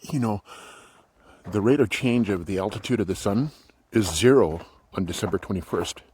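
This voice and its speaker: A man's voice: fairly low pitch, moderate pace, darkish tone, breathy edge. A middle-aged man thinking aloud in a rambling, casual vlog while walking outdoors with a handheld camera. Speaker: vlogger. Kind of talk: casual walk-and-talk vlog. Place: outdoors on a walk.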